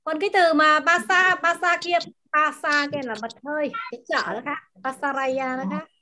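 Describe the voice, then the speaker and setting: A woman teacher in an online class, patiently explaining words and pronunciation and repeating them slowly over a video call. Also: high-pitched, fairly even intonation, sharp tone, a little hiss or hum. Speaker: language teacher.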